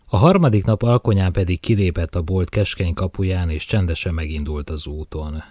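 A man reading a literary short story aloud in a solemn, measured way. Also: sits low, mellow, no room sound. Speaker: reader.

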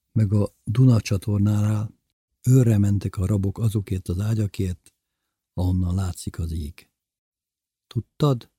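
A man narrates a literary story in the first person, calm and measured. His voice is low, dark and very husky. The recording is dry and close, with no room sound. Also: no room sound.

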